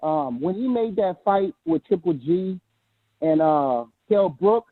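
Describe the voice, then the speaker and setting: A man calling in on a phone held too far from his mouth, so he sounds faint and low, talking hesitantly with frequent restarts. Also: lively intonation, slow, no room sound. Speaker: caller. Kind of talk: casual chat. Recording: tinny phone line.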